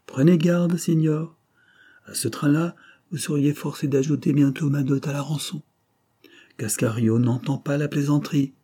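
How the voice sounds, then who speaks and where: A man's voice: fairly high pitch, fairly even intonation, normal speed, warm tone, husky, pitched above the performer's own voice. A man reading a teasing young brigand's daughter.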